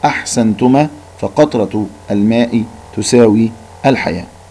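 A male teacher reading a father's lines in a measured, clear way for a class. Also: on the low side, dark tone, a little hiss or hum, close to an everyday voice. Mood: approving. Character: father in a school reading, approving adult man.

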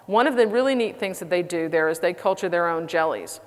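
Middle-aged Texan woman, low-ish voice, casual self-deprecating presenter, long hall reverb. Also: brisk. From Texas. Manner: chatty, self-deprecating, frequent fillers. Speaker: conference speaker. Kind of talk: conference talk. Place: large conference hall.

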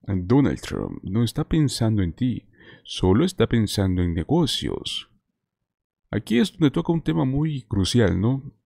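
A man's voice: on the low side, sing-song, measured pace, creaky, warm tone, no echo, studio quality. A man in his thirties giving conversational online news commentary to viewers, full of rhetorical questions. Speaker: political commentator. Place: small indoor streaming setup. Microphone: close desk microphone with headphones.

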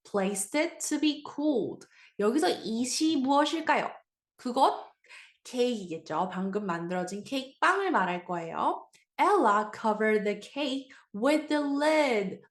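A woman's voice: on the high side, fairly bright tone, roomy sound. A woman teaching an English reading lesson, patiently explaining and asking her listeners questions.

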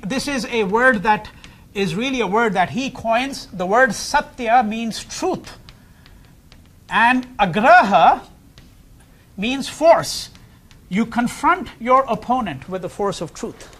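Brief: male lecturer, higher voice, lively classroom delivery, questions to the students. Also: unhurried. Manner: animated, rhetorical questions, frequent "okay?" and "right?". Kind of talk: university history lecture.

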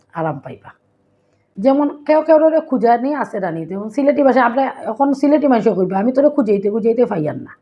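A woman with a Sylheti accent chats in a relaxed vlog, now and then putting questions straight to her viewers. Her voice sits at an ordinary middle pitch. The sound is a little dull and lo-fi. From Sylhet, Bangladesh. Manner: chatty, asks the viewer questions. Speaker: vlogger. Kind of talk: casual vlog chat.

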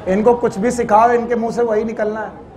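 A man's voice: sits high, fairly even intonation, fairly quick, a crowd in the background, background noise. A man teaching biology to a class, quizzing students, scolding them and joking, with English terms mixed into his talk. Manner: mixes English terms into Hindi. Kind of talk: classroom lecture.

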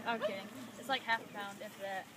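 A woman's voice: a little high, very noisy. A woman talking casually in a fishing vlog outdoors by a pond, joking and laid-back.

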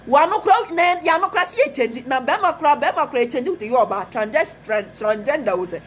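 A woman's voice: high-pitched, lively intonation, quick pace, slight background noise. A woman with a Ghanaian accent preaching a fervent message, repeating phrases and mixing Twi with English. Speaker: prophetess.

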